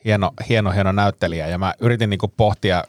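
A man's voice: fairly low pitch, no echo, studio quality. A man explaining an improv scene casually, in a hesitant way with many restarts. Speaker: improv comedian.

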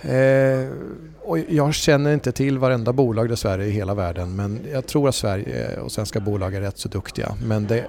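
A man's voice: medium pitch, gravelly, a little mellow. Man talking through a voice-casting interview. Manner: thoughtful, hesitant with fillers and restarts. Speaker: voice agency CEO and voice-over speaker. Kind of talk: conversational interview.

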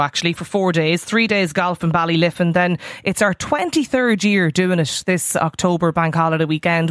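A woman's voice: on the low side, dry recording, studio quality. A woman with an Irish accent presenting a radio phone-in, reading out messages and chatting to guests. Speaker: radio host. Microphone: studio microphone.

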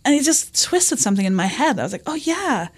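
A woman's voice: mid-range voice, fast. A woman comedian and author talking openly as an interview guest, often acting out quoted remarks in her own voice. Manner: candid, animated, quotes herself and others. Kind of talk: conversational interview.

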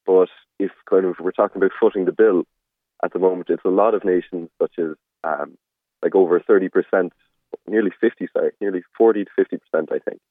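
A man with a deep voice speaks as a radio caller. He is polite and hesitant, often hedging, over a narrow, dry phone line. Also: steady tone, fairly quick, dry recording. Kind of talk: tentative spoken argument.

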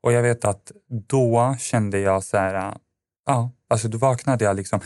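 A man's voice: lowish voice, darkish tone, no room sound, clean studio sound. A man, a podcast guest, telling a personal story in a casual, rambling way with lots of fillers and restarts.

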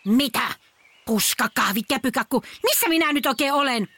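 A woman's voice: sits high, expressive, fairly bright tone, slight background noise. A woman doing a grumpy old Easter witch. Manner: grumbling, bossy, brushes off children's chatter. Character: cranky old female Easter witch on a broom. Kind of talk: children's audio story acting.

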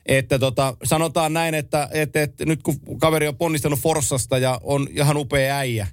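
A man chatting casually about sports, telling animated stories and laughing often. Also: on the high side, no echo, studio quality.

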